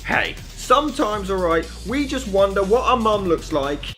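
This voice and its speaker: A man's voice: high voice, very animated, normal speed, over music. A man in his thirties giving sarcastic, profane comedic commentary.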